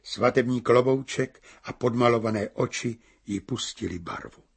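A man reading literary fiction aloud as narrator, measured and deliberate. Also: medium pitch, breathy edge. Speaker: reader.

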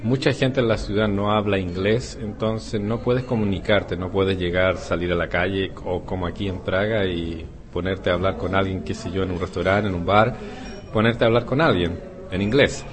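A man from Chile with a Chilean Spanish accent, a Spanish teacher answering interview questions in a relaxed, rambling way with hesitations. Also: sits low, moderate pace, background noise.

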